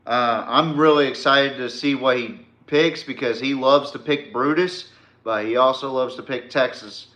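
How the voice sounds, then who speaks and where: In an echoey room, a podcast host runs a casual sports show, talking informally to his stream audience in a rambling, emphatic way. His mid-range voice is bright and forceful, delivered at a normal speed.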